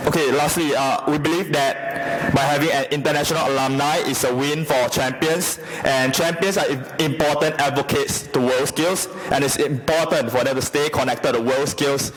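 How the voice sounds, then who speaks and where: A man's voice: on the high side, moderate pace, few pauses, soft background music, poor audio. A young man from Singapore, giving a formal, methodical stage presentation as a youth forum presenter. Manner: steady, methodical, structured delivery.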